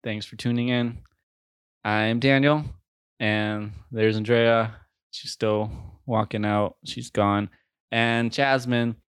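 A man's voice: medium pitch, fairly even intonation, takes it slowly, clear, resonant tone, no echo. A man hosting a podcast in a casual, chatty way, with popping p sounds on a close mic without a pop filter. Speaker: podcast co-host and editor. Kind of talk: casual podcast sign-off and banter.

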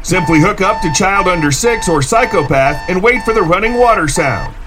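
High-voiced upbeat pitchman, played by a man. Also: animated, moderate pace, rough recording. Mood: salesy. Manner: salesy, punchy. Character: upbeat TV pitchman selling an absurd gadget. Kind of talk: parody advertisement read. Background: loud music bed.

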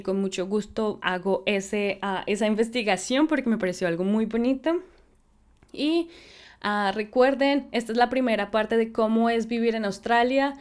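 A woman's voice: fairly high pitch, smooth. Chatty Colombian woman vlogging. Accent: Colombian Spanish. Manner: chatty, drops in English words and phrases. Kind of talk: casual talk to camera.

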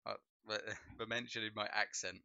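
This young adult streamer and podcast host from Poland, whose native tongue is Polish, talks casually on a livestream, stuffing his rambling speech with "like" and "bro." His voice sits lowish with some vocal fry and a moderate pace. There's no room sound, just a dull lo-fi home mic quality.

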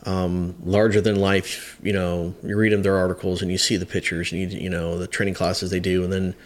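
A man's voice: low-pitched, little pitch movement, fairly quick. A man in his fifties, a veteran firefighter, telling a long story in a podcast chat, rambling with hesitant restarts. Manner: rambling, hesitant, many restarts, acts out quotes. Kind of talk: conversational storytelling.

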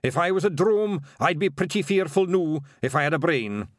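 A man's voice: on the high side, expressive, moderate pace, dry recording, clean studio sound, voice pushed up, lightly acted. A man voicing a boastful little male pixie chieftain with a Scottish accent. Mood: gruff.

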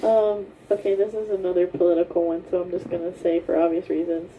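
Young woman, mellow tone, casual podcast chat, matter-of-fact, distant mic, informal. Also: fairly low pitch, flat delivery, quick pace. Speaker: podcast co-host. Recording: distant mic, faint background noise.

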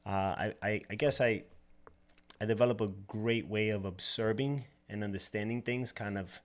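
A man from the Dominican Republic, a barber and shop owner, talks through his story in a casual interview. His voice is low, and his delivery is easygoing and unhurried, with plenty of you knows and uhs. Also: fairly even intonation. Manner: easygoing, loose with fillers like you know and uh.

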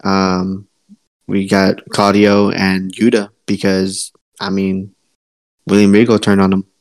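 A man co-hosting a wrestling podcast, chatting casually and excitedly, swearing and restarting his sentences. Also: sits low, takes it slowly, dry recording. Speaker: podcast co-host.

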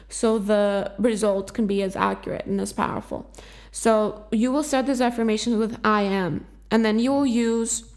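A woman with a medium-pitched, gravelly voice, whose first language is Greek, hosts a self-help podcast. She offers earnest, encouraging instructions and often repeats herself.

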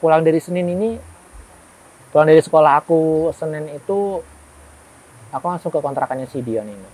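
A young man, a guest storyteller, tells a horror story in casual conversation with a high-ish, brisk voice. He's animated and acts out the quoted dialogue as he goes. The audio quality is poor.

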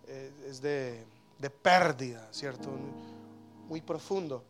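A man in his thirties preaching a sermon as pastor, animated, with sudden loud exclamations. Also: mid-range voice, slow, over music.

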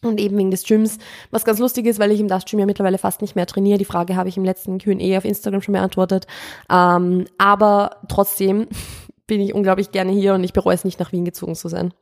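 Speaking quickly in a mid-range, darkish voice with a level tone, this Austrian podcast host works through listener questions. She's young and rambles casually, frequently backtracking to fix what she said and sprinkling in English terms.

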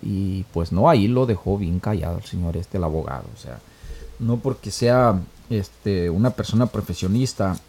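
A man's voice: low voice, animated, moderate pace, warm tone, breathy edge. A middle-aged man, telling a story and giving advice in a folksy, casual way with many filler words. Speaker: storyteller, moral speaker.

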